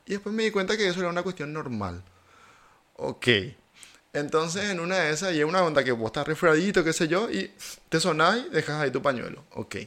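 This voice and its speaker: A man, a language teacher, telling lively anecdotes in a casual podcast conversation and laughing often. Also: fairly high pitch, brisk. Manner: animated storyteller, laughs often. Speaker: guest, German teacher.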